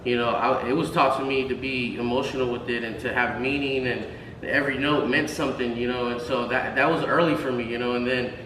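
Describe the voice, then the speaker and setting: Chatting as an interview guest, this Houston, Texas, music producer in his thirties rambles, restarting often and filling pauses. His medium-pitched voice is steady, fairly bright and fairly quick; the recording sounds roomy, with a distant mic and faint noise.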